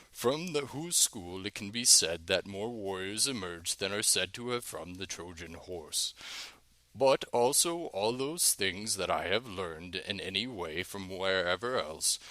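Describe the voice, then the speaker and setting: A man's voice: low voice, pushed and bright, no echo, exaggerated voice. A man putting on the voice of an old male Renaissance fencing master, reading a formal, archaic text aloud.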